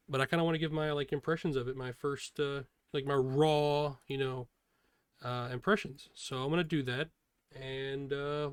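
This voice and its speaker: A man's voice: medium pitch, clear, resonant tone, no echo, studio quality. A man giving casual, informal first-impressions commentary as a streamer, talking in a hesitant way. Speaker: video host, streamer reacting to a game trailer.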